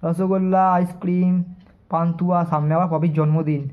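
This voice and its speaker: Man, vlogger, coaxing playful baby talk to a pet dog, slightly high voice, muffled lo-fi phone sound. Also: little pitch movement, normal speed. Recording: dull lo-fi phone audio.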